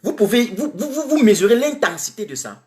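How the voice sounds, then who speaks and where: A woman's voice: fairly high pitch, big pitch swings, fairly quick, darkish tone. A woman from Cameroon, giving impassioned, defiant political commentary on a livestream and repeating phrases for emphasis. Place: home in Germany. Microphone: webcam or phone mic on a livestream.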